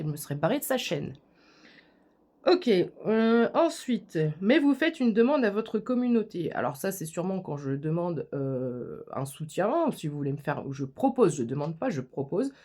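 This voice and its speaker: A woman's voice: low-pitched, darkish tone. Sarcastic woman rebutting her critics. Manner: sarcastic, talks straight to critics with hesitant fillers. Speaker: YouTuber answering hater comments. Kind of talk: casual vlog rant, reading comments aloud.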